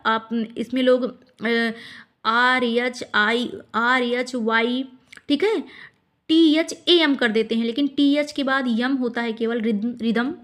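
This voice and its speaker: A woman teaching difficult English words to exam students, patiently repeating each word and its meaning and spelling it out letter by letter, with frequent pauses and fillers. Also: high-pitched. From India.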